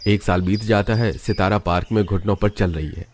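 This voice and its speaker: A man giving scripted narration for a cartoon story in an even storytelling manner. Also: lowish voice, a little fast.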